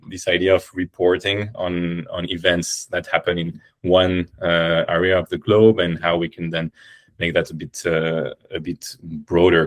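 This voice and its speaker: A man with a slightly rusty, bronchitic voice giving an informal conference recap, in halting phrases. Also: low voice, no echo. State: recovering from bronchitis. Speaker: guest speaker. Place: indoors on an online call.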